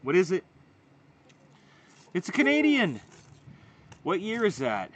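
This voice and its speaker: A high-pitched man whose pitch swoops wildly talks slowly while hosting a family coin hunt outside at a campsite table. As a coin hobby host, he keeps score and explains the finds supportively, with a little hiss or hum in the audio.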